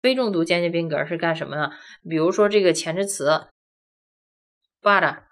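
A woman's voice: on the low side, moderate pace. A woman teaching a grammar lesson, walking through each point step by step and often asking rhetorical questions. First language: Chinese. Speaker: language teacher. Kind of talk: classroom-style grammar lesson.

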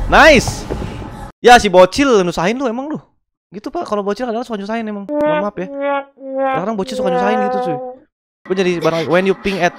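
Excitable young gamer. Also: male voice, sits high. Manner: excitable, slangy, reads game text aloud. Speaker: gaming YouTuber. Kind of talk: casual let's-play commentary. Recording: music playing behind.

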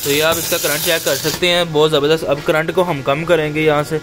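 A man's voice: on the high side, level tone, fairly quick, over music. A male shopkeeper giving a casual spoken product demo, often adding a filler of agreement, recorded indoors in a workshop. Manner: conversational, repeats "theek hai" as a filler. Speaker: shopkeeper reviewing machines. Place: workshop or tool shop, indoors.

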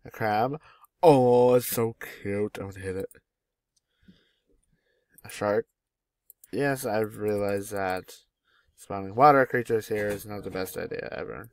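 Slow, gravelly-voiced young man gaming. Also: fairly low pitch, a little mellow, no echo. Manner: chatty, easily delighted, naming animals as they appear. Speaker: gaming YouTuber. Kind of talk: casual gameplay commentary. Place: at home.

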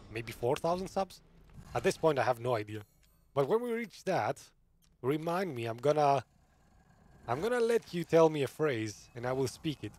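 Male streamer, casual and giggly, animated pitch, light background hiss. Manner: chatty, laughs often, reads chat aloud. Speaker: gaming streamer. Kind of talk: live gameplay commentary.

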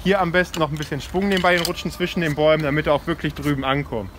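A man's voice: a little high, fairly even intonation, very fast, a bit bright. A man gives an informal, explanatory safety briefing as a climbing instructor. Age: 20s. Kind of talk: spoken safety briefing with demonstration. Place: outdoors in a forest ropes course. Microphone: camera mic a few steps away. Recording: clear outdoor noise, passing vehicles, clinking gear.

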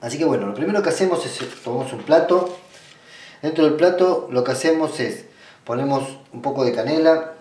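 A ritual practitioner with an Argentine Spanish accent gives an informal, step-by-step tutorial at a table in a small indoor room, speaking haltingly and often rephrasing. His voice is mid-range, expressive and somewhat dark. The camera mic sits away from him, so the sound is roomy and distant.

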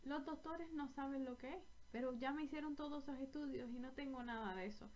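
Talking briskly to her webcam in a small bedroom, a young knitting vlogger from Puerto Rico chats casually, her slightly high, darkish voice carrying a Puerto Rican Spanish accent. She's chatty and rambling, often breaking off mid-phrase to correct herself.

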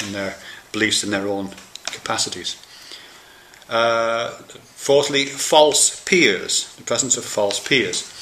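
An academic lecturer with a lowish, fairly bright voice reads points aloud and then explains them casually, with fillers and restarts. The room is echoey, with faint noise.

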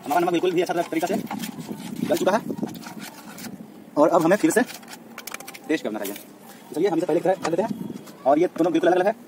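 A young adult man vlogs a casual, step-by-step home experiment, chatting to viewers like friends. His voice sits on the high side with lively intonation, a little fast and with frequent pauses, over loud outdoor background noise.

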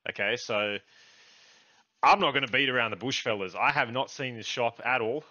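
A young man hosts a casual gaming video on YouTube, chatting loosely with viewers and swearing offhandedly. His mid-range voice is sharp and moves at normal speed, on a dry recording with a dull lo-fi quality.

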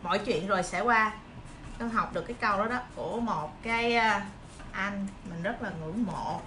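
A woman's voice: medium pitch, moderate pace, pushed and bright. Southern Vietnamese woman chatting over background noise. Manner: encouraging, reassuring. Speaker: livestream host. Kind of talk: casual chat to viewers while eating and preparing fruit. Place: small room indoors. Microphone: phone propped at arm's length. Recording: clear background noise, phone video.

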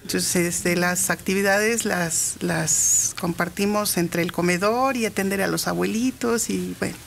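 Soft-spoken Mexican woman in her fifties. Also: lowish voice, unhurried, creaky, slight background noise. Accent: Mexican Spanish. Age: 50s. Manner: soft-spoken, hesitant with many fillers. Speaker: radio studio guest. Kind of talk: casual radio interview. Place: radio studio.

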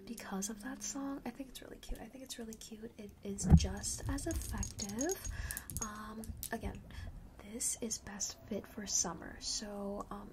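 A woman plays a friendly young witch who runs a perfume shop in an ASMR roleplay, whispering softly and breathily right at a close large studio microphone. Sounding like a young adult with a mid-range voice near her everyday tone, she gently coaxes and reassures in casual, slangy words, with clear noise in the background.

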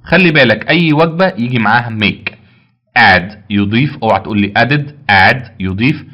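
A man's voice: mid-range voice, lively intonation, moderate pace, pushed and bright. A man with an Egyptian Arabic accent teaching English vocabulary, repeating each word and answering his own questions. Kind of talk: vocabulary lesson.

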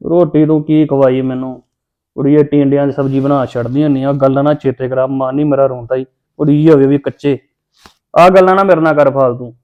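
A man's voice: medium pitch, steady tone, a little fast, clean tone, dull audio. A man with a Punjabi accent playing a boastful, teasing brother in a family drama. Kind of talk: Punjabi web-series acting.

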